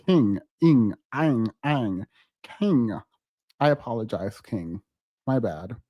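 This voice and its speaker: Speaking slowly in a medium-pitched, animated voice, a livestream host whose first language isn't English chats casually, playful and teasing, drawing out the words he stresses. There's no room sound, and the high frequencies are cut off.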